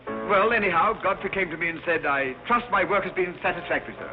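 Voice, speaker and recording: An actor playing a jovial society gentleman in 1930s film screwball comedy banter, bluffing his way along with stammers. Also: high-pitched, fast, close to an everyday voice. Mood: improvising, bluffing. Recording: muffled 1930s film soundtrack, music behind.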